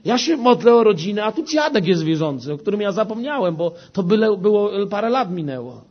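Earnest male preacher with a fairly high voice, telling his testimony on a dull lo-fi recording. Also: very animated, fairly quick. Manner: earnest storytelling, often turning to the listeners. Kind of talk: personal testimony told to a congregation.

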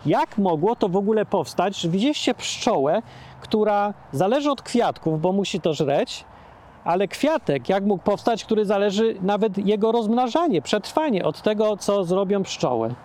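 A man's voice: high-pitched, animated, normal speed, darkish tone. A man talking casually outdoors among plants, indignant and rhetorical, with many hesitations and restarts. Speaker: vlogger.

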